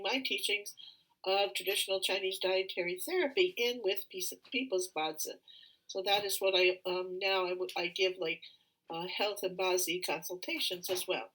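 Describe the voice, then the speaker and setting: A middle-aged woman, a feng shui consultant, gives a slide presentation with many fillers and a lot of throat clearing. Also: mid-range voice, sharp tone, low-quality recording. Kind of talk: live online presentation with slides.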